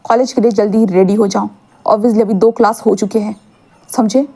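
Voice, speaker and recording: A woman voicing a cold, stern male teacher who speaks in short, flat commands in a dramatic fan-fiction reading. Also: medium pitch, moderate pace, natural voice.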